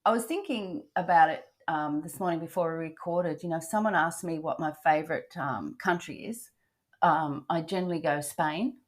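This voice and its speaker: Older Australian woman, podcast co-host, chatty and warm-paced with lots of ums, lower-pitched voice. Cast a grandmother type who laughs easily. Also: normal speed. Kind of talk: casual travel podcast chat.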